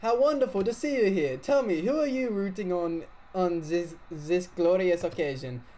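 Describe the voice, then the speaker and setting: A woman's voice: lowish voice, animated, moderate pace, dark tone, natural voice. A man voicing a chirpy female TV announcer in a put-on French accent, bubbly and theatrical. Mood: gushing. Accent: fake French.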